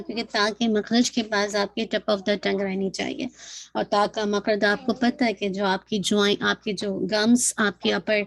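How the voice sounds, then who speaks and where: A woman with a Pakistani accent teaching an online Quran recitation class, patiently explaining and drawing words out slowly, syllable by syllable. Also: medium pitch.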